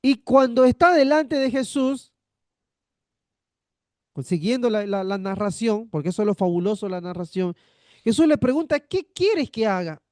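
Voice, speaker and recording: A man's voice: sits high, lively intonation, moderate pace, pauses often, a little mellow, no room sound, studio quality. Man teaching, full of rhetorical questions. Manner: repetitive, asks rhetorical questions to the class. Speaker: theology teacher. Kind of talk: classroom lecture.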